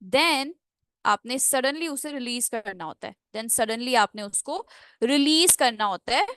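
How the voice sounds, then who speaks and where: High-voiced woman teaching pronunciation. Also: lively intonation, a bit bright, no echo, clean studio sound. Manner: drills phrases slowly, syllable by syllable; mixes English into Hindi explanations. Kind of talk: online class lecture.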